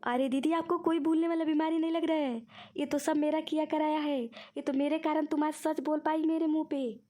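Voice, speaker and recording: A woman's voice: sits high, steady tone, brisk, warm tone, lightly acted. A woman voicing a scheming younger friend who coaxes and tricks in a cartoon. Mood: explaining. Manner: coaxing, sweetly persuasive. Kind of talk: cartoon voice acting.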